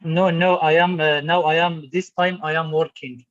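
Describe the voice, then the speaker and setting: A man's voice: fairly high pitch, level tone, normal speed, no echo. Hesitant man from Syria, muffled call. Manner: hesitant, broken English, restarts. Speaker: student. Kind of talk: halting conversation practice. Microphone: video call.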